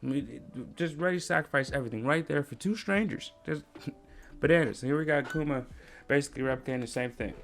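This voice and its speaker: A man's voice: a little high, fast talker, vocal fry, a little hiss or hum. A man giving slangy, rambling reaction commentary on a comic chapter. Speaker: anime commentator.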